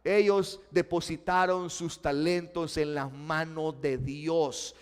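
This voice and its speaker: A man preaching a sermon as pastor, emphatic, swinging between loud climaxes and quiet asides. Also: a little high, fairly even intonation, slow, clean tone. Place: church sanctuary. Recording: church hall with long reverb.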